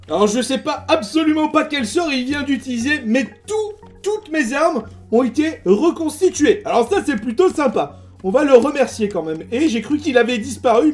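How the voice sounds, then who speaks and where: Hyped-up gamer dude with a high voice yelling at a video game, faint music behind. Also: male voice. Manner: excitable, constant exclamations, mild swearing. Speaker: gaming YouTuber. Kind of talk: let's play commentary.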